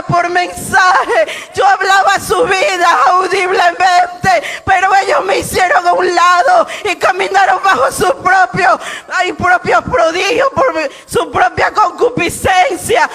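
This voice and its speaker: Woman preacher, slow shouted testimony, bright piercing tone, fervent. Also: very high voice. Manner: shouting, fervent, tearful pleading. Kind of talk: impassioned spoken testimony.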